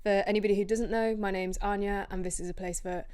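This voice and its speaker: A woman's voice: medium pitch, steady tone, fast, darkish tone, clear, resonant tone. A young woman hosting her own podcast, chatting in a rambling, self-deprecating way while tired from little sleep. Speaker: podcast host. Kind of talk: casual solo podcast chat. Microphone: podcast microphone.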